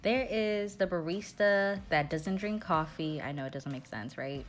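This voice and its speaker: A woman's voice: fairly low pitch, normal speed, soft background music. A young woman narrating a casual vlog as a barista, chatty and slangy, often joking about herself. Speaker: barista vlogger.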